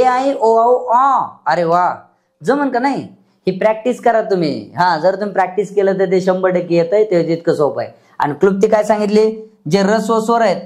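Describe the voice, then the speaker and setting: Male teacher for a grammar class, drills students with repeated questions and chants letters in rhythm. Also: high-pitched.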